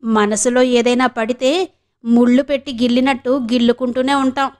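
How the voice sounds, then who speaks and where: A woman's voice: fairly high pitch, level tone, moderate pace, a little mellow, lightly acted. A woman voicing a spiteful, gloating aunt. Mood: taunting. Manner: taunting, gloating. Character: scheming spiteful middle-aged woman.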